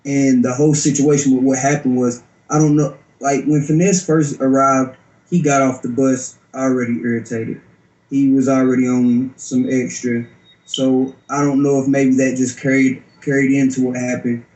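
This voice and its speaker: A man's voice: mid-range voice, level tone, normal speed, darkish tone. A man giving an informal interview account as a security guard. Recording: roomy echo.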